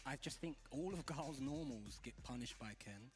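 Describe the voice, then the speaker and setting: A man's voice: medium pitch, moderate pace, music in the background. A man co-hosting a fighting game watch party, giving casual technical commentary and thinking aloud with restarts.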